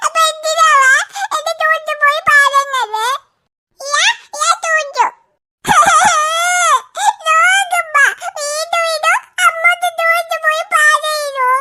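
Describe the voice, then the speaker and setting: A woman's voice: very high-pitched, takes it slowly, pushed and bright, heavily acted. A woman voicing a crying, sulky little girl in a cartoon, whiny and insistent. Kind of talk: cartoon voice acting.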